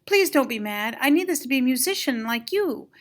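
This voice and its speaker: A woman as an eager, high-voiced young boy. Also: animated, fairly quick. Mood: pleading. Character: earnest, excitable young boy in a storybook.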